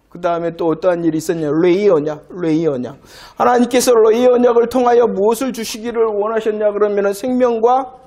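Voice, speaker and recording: Guy with a fairly high voice preaching, asks questions then answers them, says stuff twice. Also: a little mellow. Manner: repeats key phrases for emphasis. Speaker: pastor. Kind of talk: sermon.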